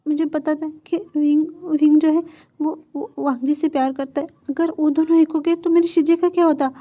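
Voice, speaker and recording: A woman puts on a terrified young man in a storybook retelling. He stammers and begs in a high, strained voice with a soft, mellow core. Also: steady tone, moderate pace, lo-fi sound. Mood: pleading, terrified. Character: young man, frightened captive begging for mercy.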